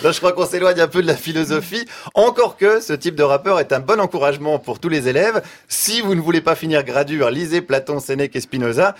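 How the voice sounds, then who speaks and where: A man's voice: a little high, fairly quick, hardly any pauses. A man giving a comic radio commentary, teasing and ironic in a mock-serious tone. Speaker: radio columnist doing street interviews. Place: radio studio.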